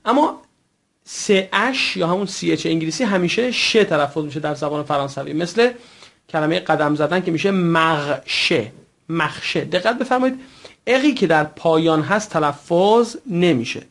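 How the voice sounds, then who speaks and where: A man teaching French pronunciation, who speaks natively, patient and careful, stretching out words and repeating them slowly. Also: fairly high pitch, vocal fry. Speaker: language teacher. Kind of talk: recorded French pronunciation lesson.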